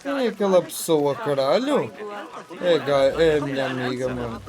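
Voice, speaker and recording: A man's voice: on the high side, animated, a little fast, crowd noise. A man with a European Portuguese accent giving casual, sweary, informal commentary while playing a video game. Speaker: gameplay streamer. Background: game music and sound.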